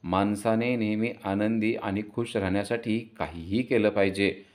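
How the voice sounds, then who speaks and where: A man's voice: fairly low pitch, steady tone, normal speed, darkish tone, close to an everyday voice. A man playing a jovial, talkative father who jokes and teases his daughter. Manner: chatty, joking, teasing.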